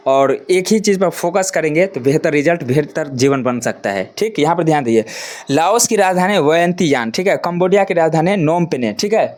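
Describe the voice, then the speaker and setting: A man's voice: a little high, darkish tone. A male teacher giving an exam-prep geography lesson, repeating each answer again and again and checking in with "theek hai" after almost every line. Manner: repetitive, drills answers with frequent "theek hai"; addresses viewers as friends, motivational sign-off.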